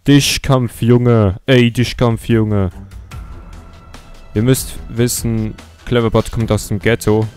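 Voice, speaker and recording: A man's voice: medium pitch, flat delivery, slow pace, a little mellow, faint music behind. A young man hosting a comedy video, mocking and sarcastic as he comments, often laughing. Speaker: YouTuber host.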